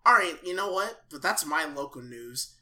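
A man's voice: a little high, lively intonation, normal speed, bright, forceful tone. A man co-hosting a casual comedy podcast, riffing on jokes and laughing often. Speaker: podcast co-host.

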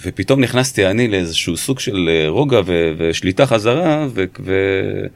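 A former police interrogator tells his story in an interview, his voice low and set down with firm, measured emphasis. He is recorded dry and close, with no room sound. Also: lively intonation, gravelly, no echo.

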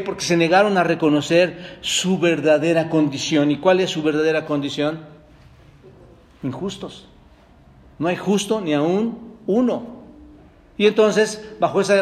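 Man, church pastor, sermon, rhetorical questions, repeated words, fairly high pitch. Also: a little slow. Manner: preaching with rhetorical questions, often addressing "hermanos"; repeats and restarts words, rising to loud emphasis. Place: church service.

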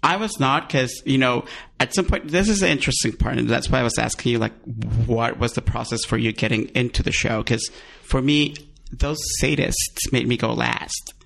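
Chatty gravelly-voiced man. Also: medium pitch, normal speed, a bit bright. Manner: chatty, joking, full of fillers. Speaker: podcast co-host. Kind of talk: casual chat.

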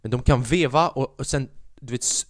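A man's voice: medium pitch, no room sound, clean studio sound. A young man, a podcast host and stand-up comedian, telling a rambling, profane story in a casual monologue.

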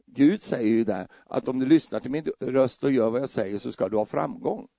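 A middle-aged man preaches in speech with a gravelly, low-lit tone. He jokes and acts out everyday scenes as he goes. The sound is dry and close. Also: warm tone, dry recording. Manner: humorous, acts out scenes with voices. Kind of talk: lively sermon.

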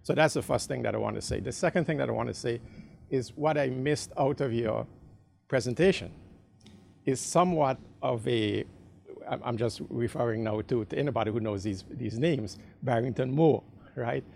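Man from the Caribbean, gravelly voice, hesitant, audience question. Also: mid-range voice, normal speed, darkish tone. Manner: hesitant, many fillers and "right?" checks. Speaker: audience member asking a question.

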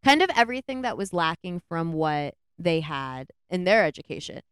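A woman co-hosting a podcast, retelling a film's plot in a rambling, animated way with lots of "like"s. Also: fairly low pitch, moderate pace, clear, resonant tone, dry recording, studio quality. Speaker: podcast co-host. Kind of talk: casual movie review chat.

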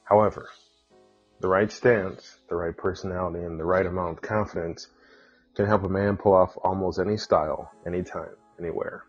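A man's voice: deep voice, fairly even intonation, moderate pace, slightly rough, muffled recording, soft background music. A man hosting a podcast, reading a scripted intro and then chatting with an upbeat, hyped-up delivery. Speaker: podcast host.

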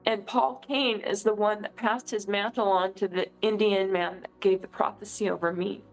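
A middle-aged woman from California giving an earnest, emotional testimony as an interview guest, telling stories with lively feeling. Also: mid-range voice, normal speed, faint music behind, poor audio. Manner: emotional, earnest, animated storyteller. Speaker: political candidate, guest.

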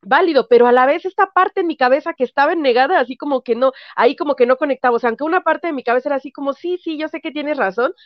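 Woman guest, higher voice, muffled lo-fi call line, chatty and filler-heavy. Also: very fast, few pauses, no room sound. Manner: chatty, laughs often, fillers like "este". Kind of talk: casual chat. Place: at home, in bed.

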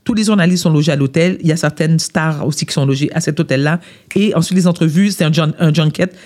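A man with a Quebec French accent, a former entertainment journalist chatting as a podcast guest, telling animated stories and slipping English phrases into his French. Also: on the high side, quick pace. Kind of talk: casual podcast chat.

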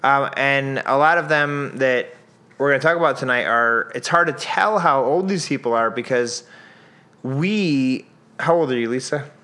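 A young man co-hosts a podcast in casual chat, joking and rambling with lots of fillers. His voice is mid-range, bright and forceful, at a moderate pace.

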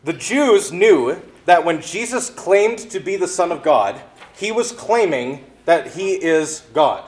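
A man preaching a sermon, reading scripture and then explaining it with lively acted-out exchanges. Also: a little high, takes it slowly. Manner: animated preaching, acts out exchanges in quoted voices. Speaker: pastor.

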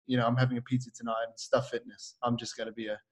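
Guy hosting a fitness podcast, chill and rambly, average pitch, lots of "like" and "you know". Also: rapid-fire. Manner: relaxed, rambling, heavy on fillers like "like" and "you know". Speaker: podcast host and fitness coach. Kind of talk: casual podcast chat.

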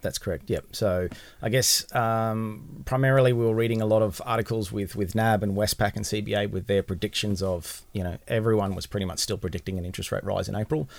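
Aussie guy explaining money stuff on a podcast, lowish creaky voice, hedges a lot. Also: steady tone, brisk. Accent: Australian. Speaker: guest finance professional. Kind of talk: casual explanatory podcast talk.

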